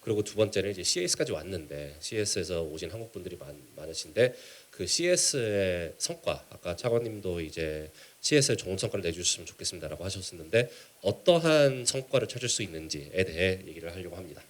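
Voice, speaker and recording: A man with a Korean-American accent gives a conference presentation in a halting, measured way, mixing in English business terms. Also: low voice, sing-song. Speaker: keynote speaker, startup mentor.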